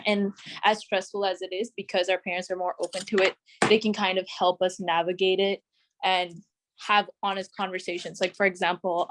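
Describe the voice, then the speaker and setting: A young woman from Canada joining a video call as a guest, speaking thoughtfully with lots of "like" and "um". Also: lowish voice. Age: young adult. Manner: thoughtful, many fillers like "like" and "um". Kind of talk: casual discussion.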